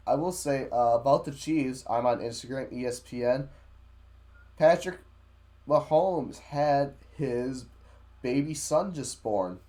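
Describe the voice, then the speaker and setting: A man's voice: medium pitch, measured pace, warm tone. A man co-hosting a sports podcast, chatting in a laid-back way about football news. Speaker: podcast co-host. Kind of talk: casual sports chat.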